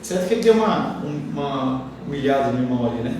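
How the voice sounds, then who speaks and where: A man's voice: medium pitch, lively intonation, quick pace, darkish tone, a little hiss or hum. A man with a Brazilian Portuguese accent, preaching a sermon as a pastor in a conversational way, full of asides and anecdotes. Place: church hall. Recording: echoey room from far off with faint ambience.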